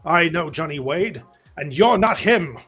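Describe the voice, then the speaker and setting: A man's voice: on the high side, animated, measured pace, a bit bright, slightly rough, faint music behind, full character voice. A man voicing a brash, old-fashioned heroic archer in a tabletop game, blustering and confrontational with dated exclamations. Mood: suspicious challenge. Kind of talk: tabletop game role-play.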